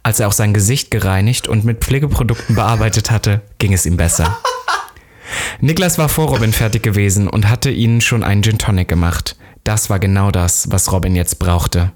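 A man reads a story aloud in a somewhat low voice. He stops now and then for amused, joking comments. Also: moderate pace, darkish tone. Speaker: co-host reading a story aloud. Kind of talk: reading a story aloud with banter.

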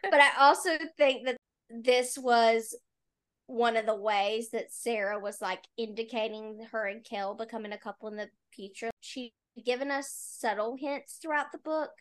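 A woman with a fairly high voice talks through her thoughts on a novel in a loose, chatty way. She sprinkles "like" through her sentences. She is co-hosting a podcast about books. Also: fairly even intonation, normal speed. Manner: chatty, with frequent "like" fillers. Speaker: book podcast co-host. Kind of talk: casual book discussion.

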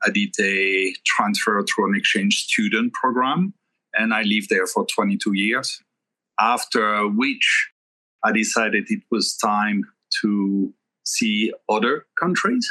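Interview guest: middle-aged man from Belgium, lower pitch, bright tone, measured and explanatory. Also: poor audio. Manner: measured, explanatory, pauses mid-sentence. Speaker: guest, investment firm founder. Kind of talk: conversational interview answers.

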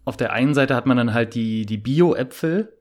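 A man's voice: mid-range voice, moderate pace. A young man co-hosting a podcast, chatting casually and rambling with many fillers and restarts. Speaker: podcast co-host. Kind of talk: casual chat.

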